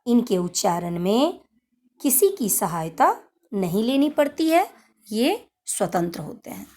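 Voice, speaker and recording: A woman teacher explaining a grammar lesson to children, repeating key points in a deliberate way. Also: mid-range voice, very animated, darkish tone. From India. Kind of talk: slow classroom lesson explanation.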